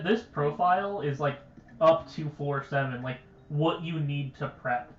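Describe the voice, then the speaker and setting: A man's voice: medium pitch, fairly bright tone, roomy sound, highs cut off, a little hiss or hum. A young man chatting casually on a game livestream, rambling and stuttering, with lots of "like" fillers. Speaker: game streamer.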